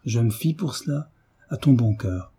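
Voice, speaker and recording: A man reading a novel aloud, voicing a gentle mother who pleads tenderly but stays firm with her son. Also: mid-range voice, expressive, normal speed, slightly rough.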